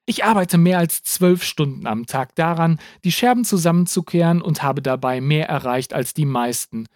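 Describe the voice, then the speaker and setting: A man voicing a tough, sharp-tongued woman politician who speaks curtly and bluntly. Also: fairly high pitch, sing-song, normal speed, no echo, clean studio sound, voice pushed up. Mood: angry. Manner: curt, blunt and exasperated.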